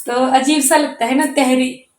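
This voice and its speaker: A young woman talks straight to her viewers in a relaxed home vlog, wandering from one little story to the next with plenty of fillers. Her voice sits a little high. The room around her is echoey, like a bare kitchen at home. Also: measured pace, faint music behind. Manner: chatty, rambling storytelling with many fillers. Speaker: vlogger. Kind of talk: casual home vlog chat.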